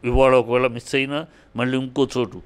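A man's voice: mid-range voice, level tone, moderate pace, clean tone. A man giving heated spoken commentary in an interview, scolding and indignant, firing off rhetorical questions and often restarting his sentences.

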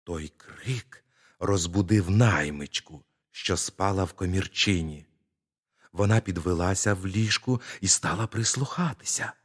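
A man narrating a bedtime fairy tale in a slow, expressive storytelling manner. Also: low voice, husky.

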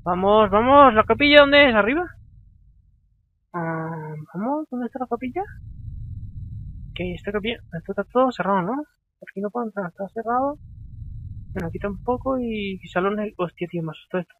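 Excitable swearing gamer, lo-fi sound. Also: male voice, sits high, moderate pace, long pauses, a little hiss or hum. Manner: chatty and excitable, swears often, talks to himself. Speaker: gameplay commentator. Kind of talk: let's play commentary, reading game dialogue aloud.

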